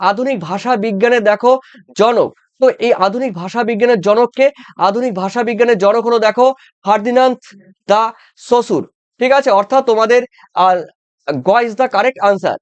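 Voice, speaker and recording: A man's voice: very high-pitched, dry recording. A man teaching an exam-prep lesson, repeating answers and often checking that students follow. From West Bengal. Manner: repetitive, coaxing with frequent check-ins and fillers. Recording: dull, dry lo-fi sound.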